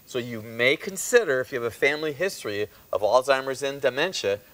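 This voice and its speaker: A man hosting a health talk show as a chiropractor, speaking emphatically and slowing down to stress his points. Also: on the low side, pushed and bright.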